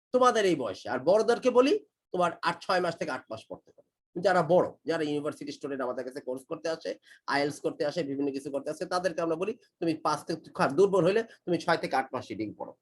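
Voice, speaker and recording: A middle-aged Bangladeshi man teaching kids English in an online class, emphatic and repeating his points, mixing English phrases into his speech. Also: sits high. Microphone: online class call.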